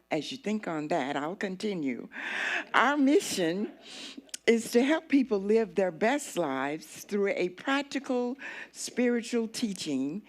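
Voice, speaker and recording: Very slow-spoken woman leading a spiritual service. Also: mid-range voice. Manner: slow, deliberate phrasing with long pauses. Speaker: spiritual practitioner hostess leading a church service. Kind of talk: welcoming address and guided meditation. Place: live church service with an audience.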